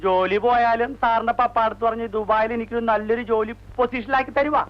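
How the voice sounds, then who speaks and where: Fussy worried servant, very high voice, dull old film audio. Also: male voice, fairly even intonation, fast. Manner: pleading, scolding with concern. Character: fussing, worried male servant. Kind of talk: film dialogue.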